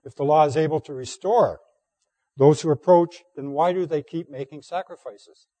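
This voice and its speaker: A preacher reads scripture during a sermon in a steady, deliberate cadence, his voice hoarse, mellow, and a little high. The sound is close and dry, with no room echo.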